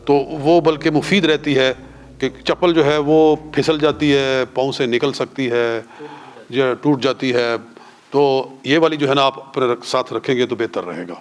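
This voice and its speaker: A man with a Punjabi-influenced Urdu accent teaching a class on pilgrimage rites. He has his listeners repeat prayers after him, slowly and drawn out. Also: mid-range voice. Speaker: religious teacher.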